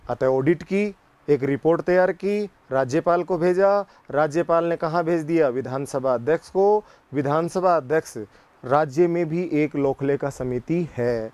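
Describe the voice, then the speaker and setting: A man gives a classroom lecture in a slightly raised voice. He talks at an unhurried pace and keeps asking questions that he answers himself. He goes back over the same points again and again. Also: a little high, a little mellow. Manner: slow, deliberate delivery. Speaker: political science teacher.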